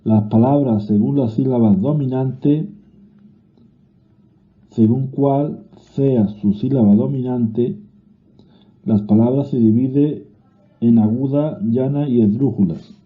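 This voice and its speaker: A man with a Spanish accent reads a grammar lesson aloud at a slow, deliberate pace, now and then restarting a word. His voice sits at a middle pitch. The recording is thin and narrow, like a phone line. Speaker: teacher. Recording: phone-like narrow-band audio.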